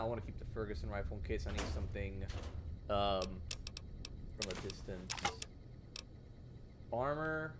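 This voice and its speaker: A man's voice: fairly low pitch, noisy background. A man streaming a game, chatting casually as he plays, rambling and correcting himself with sarcastic asides. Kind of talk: casual gameplay commentary.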